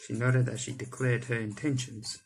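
A young gaming YouTuber reads a visual novel aloud on webcam from an indoor room, animated and dramatic, occasionally stumbling over a word. His voice is mid-pitched, level and gravelly at a moderate pace, and the low-quality recording carries light game music behind him.

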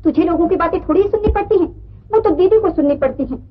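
A woman's voice: very high voice, quick pace. An actress playing a proud young woman who sharply scolds her younger brother, in 1950s film acting. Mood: reproachful. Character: proud reproachful elder sister, young woman. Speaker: elder sister. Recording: dull old film soundtrack.

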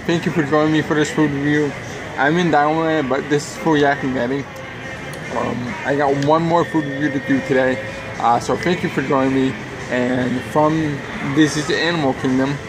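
This man, in his thirties, talks between bites as he gives an upbeat, casual food review to the camera outside at a theme park table. He speaks at a moderate pace in a slightly high voice with fairly even intonation. Outdoor noise and a background hum come through.

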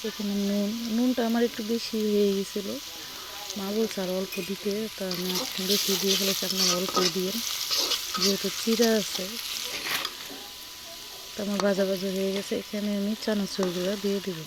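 A hoarse young woman chats unhurriedly while she narrates her cooking vlog. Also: mid-range voice, fairly even intonation. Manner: chatty, unhurried, talks while she works. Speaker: cooking vlogger. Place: home kitchen at the stove, earlier out on the street. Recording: noisy with frying sizzle.

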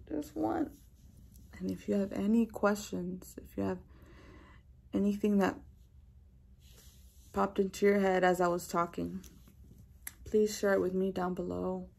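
A woman vlogger giving gentle, reassuring, heartfelt encouragement straight to her viewers. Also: mid-range voice, creaky, slightly rough. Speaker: self-help vlogger. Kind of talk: encouraging talk to camera.

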